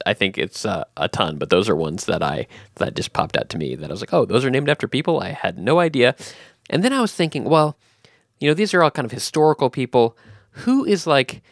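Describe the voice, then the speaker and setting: A man's voice: mid-range voice, no room sound, studio quality. A man hosting a podcast in casual chat, rambling with many ums and restarts. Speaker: podcast host.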